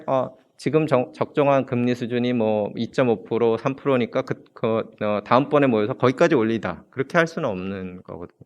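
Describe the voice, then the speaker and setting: Man, seminar presenter, hesitant explanatory delivery, slightly dull lo-fi sound. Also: mid-range voice. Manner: hesitant, many fillers and restarts, explanatory.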